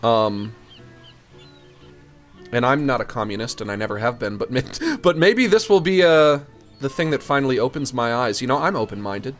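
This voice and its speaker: Man, game streamer, casual joking chat, medium pitch, sharp sibilant highs, studio condenser mic, background music. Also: sing-song, moderate pace. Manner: rambling, joking, chuckles at own jokes. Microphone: expensive large-diaphragm studio condenser microphone.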